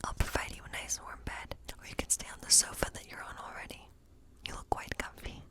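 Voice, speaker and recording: Whispering softly with plenty of breath, a woman performs ASMR role play as a kindly witch laying out tarot in her woodland cottage. She reassures slowly and gently in a soothing way.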